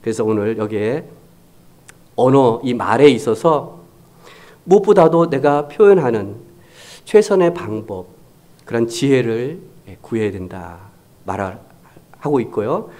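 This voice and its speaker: Animated male pastor preaching conversationally. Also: mid-range voice, a little slow, pauses often. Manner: conversational, acts out quoted remarks, drops to near-whispers. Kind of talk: sermon. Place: church sanctuary.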